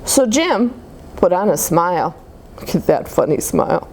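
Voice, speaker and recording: A children's story time reader with a lowish voice reads a picture book aloud at a measured pace, adding asides to the kids listening. A noticeable, steady background noise runs through the recording.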